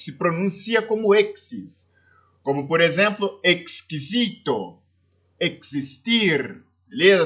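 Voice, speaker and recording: A man's voice: sits high, a bit bright, lo-fi sound. A Brazilian man with a Brazilian Portuguese accent, a teacher giving a recorded lesson and explaining step by step, often checking in with his students. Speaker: Spanish teacher.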